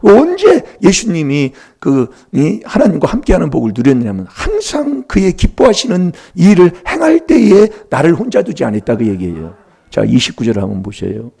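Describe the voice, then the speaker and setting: Gravelly, husky middle-aged male preacher. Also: a little high, wildly swooping pitch, fairly quick, dark tone. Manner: emphatic, prompts the congregation for replies. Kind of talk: sermon. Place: church.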